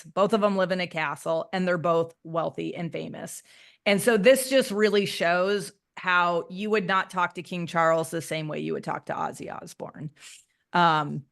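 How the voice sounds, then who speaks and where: A woman marketing coach talking casually through a screen share, explaining with lots of "um"s. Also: fairly low pitch. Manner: relaxed, filler-heavy explaining.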